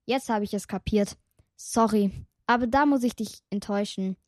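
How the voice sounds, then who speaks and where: A woman's voice: medium pitch, normal speed, no echo, studio quality, natural voice. A woman voicing a timid young female vampire from far away who talks hesitantly and stammers. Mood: earnest.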